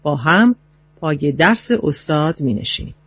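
A male announcer reading a scripted, formal introduction in a smooth announcing manner. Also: a little high, animated, fairly bright tone, no echo. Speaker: radio announcer. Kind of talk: scripted narration.

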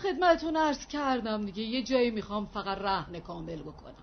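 An actress playing an exasperated woman hunting for a flat in a radio drama, indignant and complaining. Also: mid-range voice, gravelly, slight background noise. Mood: pleading. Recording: dull lo-fi radio recording.

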